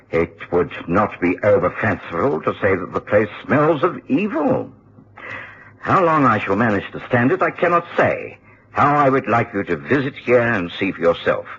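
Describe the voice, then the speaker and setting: An actor playing a genial, earnest middle-aged gentleman doctor with a Received Pronunciation accent, telling his adventures in a radio drama in a measured, expressive way. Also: on the low side, husky, heavily acted. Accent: British Received Pronunciation. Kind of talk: radio drama narration and dialogue. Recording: dull, faintly noisy old radio recording.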